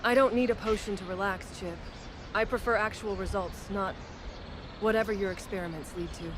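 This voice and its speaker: A woman's voice: mid-range voice, normal speed, a little hiss or hum, lightly acted. A woman playing a practical, skeptical adventurer in a fantasy comedy, wry and exasperated. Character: practical, skeptical, dryly sarcastic female adventurer. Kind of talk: scripted fantasy comedy dialogue.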